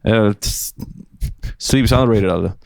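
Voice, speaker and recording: Gravelly laid-back man, dry sound. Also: fairly low pitch, moderate pace, darkish tone, dry recording. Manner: laid-back, drawling, sprinkles English words. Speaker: podcast co-host. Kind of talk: casual chat.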